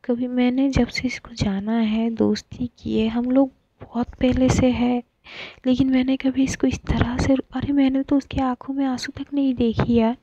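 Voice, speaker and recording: A woman's voice: high voice, little pitch movement, moderate pace, warm tone, lo-fi sound. A woman voicing a worried young woman friend who presses urgently for answers, in a storybook reading. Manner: urgent, insistent.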